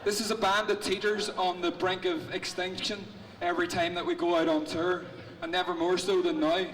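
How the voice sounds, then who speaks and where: A male band frontman on stage thanking the fans, half-shouting and swearing. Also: high voice. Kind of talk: stage announcement to a live crowd. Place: live music venue, on stage. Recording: distant live hall with crowd noise.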